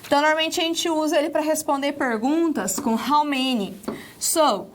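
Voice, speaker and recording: Brazilian woman, high voice, patient English teacher with lots of "ok?" check-ins. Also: moderate pace. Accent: Brazilian Portuguese. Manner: explains step by step with many "ok?" checks. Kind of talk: recorded lesson.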